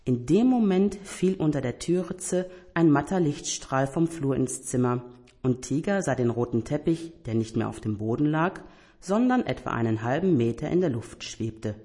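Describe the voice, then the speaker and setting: Low-voiced woman reading a bedtime story. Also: normal speed. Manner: gentle, expressive reading.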